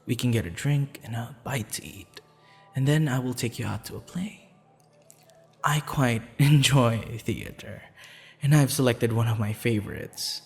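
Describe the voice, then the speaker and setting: In an intimate ASMR roleplay, a man with a gravelly, mid-range voice plays a courteous, flirtatious assassin who is smitten and slightly sheepish, speaking softly and formally with hesitant pauses. His mood is confident and courting, and the recording has long reverb with music behind it.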